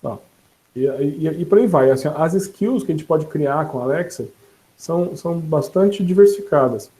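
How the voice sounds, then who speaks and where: A man with a Brazilian Portuguese accent leading a casual online class. His slightly high but mellow voice stays loose and conversational as he chats, laughs and corrects himself. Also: moderate pace, low-quality recording. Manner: relaxed, chatty, laughs and self-corrects. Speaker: instructor demonstrating a voice assistant.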